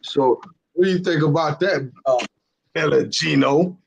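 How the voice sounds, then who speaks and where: A man's voice: fairly high pitch, measured pace, vocal fry, breathy edge. A man hosting a call-in panel, casually putting questions to the guests. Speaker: panel host. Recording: dull lo-fi call audio.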